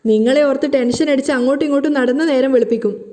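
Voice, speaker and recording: A woman's voice: high-pitched, quick pace, warm tone, a little hiss or hum, lightly acted. A woman voicing a playful younger sister who jokes cheekily. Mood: cheeky. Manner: joking, cheeky.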